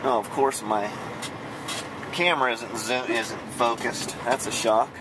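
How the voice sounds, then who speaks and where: A man's voice: mid-range voice, steady tone, measured pace. A man driving a truck, talking casually to his viewers and muttering to himself as he drives, with casual swearing. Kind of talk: casual running commentary while driving. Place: inside a truck cab, driving at dusk. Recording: engine and road noise in the cab.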